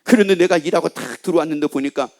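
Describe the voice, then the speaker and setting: A man, a pastor, preaching a sermon in a church, animated and acting out the voices of the people in his stories. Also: fairly high pitch, quick pace. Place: church sanctuary.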